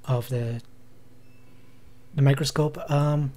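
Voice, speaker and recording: A man's voice: mid-range voice, steady tone, mellow. A man playing in a tabletop game, chatting casually and stumbling over his words now and then. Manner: easygoing, quick to laugh, stumbles over words. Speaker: player.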